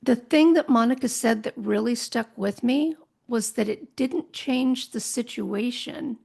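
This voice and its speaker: Soft-spoken woman podcast host, gravelly. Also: on the high side, a little slow. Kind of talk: scripted podcast monologue.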